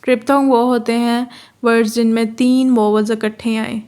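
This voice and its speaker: Pakistani woman teaching, flat tone. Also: a little high, moderate pace. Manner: repeats key terms, gives examples, corrects herself. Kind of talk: lecture in Hindi-Urdu, explaining English phonetics.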